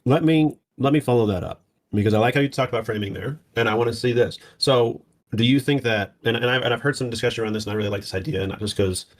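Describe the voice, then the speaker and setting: A man's voice: mid-range voice, quick pace. A man moderating a debate and pushing the guests for direct answers.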